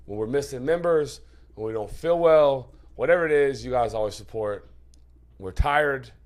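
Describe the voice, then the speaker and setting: A man's voice: mid-range voice, normal speed. A man co-hosting a podcast in casual chat, effusive and given to repeating short phrases. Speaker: podcast co-host.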